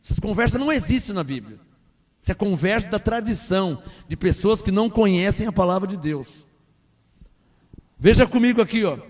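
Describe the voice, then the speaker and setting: A man preaching a sermon as pastor, forceful and emphatic, pressing the congregation with rhetorical questions. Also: sits high.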